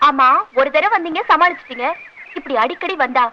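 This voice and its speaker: Woman doing a teasing young dancer, high quick bright voice, lo-fi film sound. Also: a little hiss or hum, close to an everyday voice. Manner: teasing, playful. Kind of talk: 1980s film drama.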